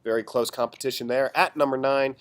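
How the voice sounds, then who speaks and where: Hoarse man announcing league standings. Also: mid-range voice, fairly even intonation, a little fast. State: hoarse, sick. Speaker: fantasy football league commissioner and host. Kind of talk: casual video announcement of standings.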